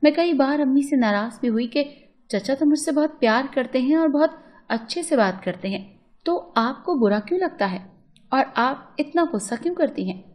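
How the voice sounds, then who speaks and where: A woman narrating a scripted first-person story in a steady, emotive storytelling manner. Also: sits high, moderate pace.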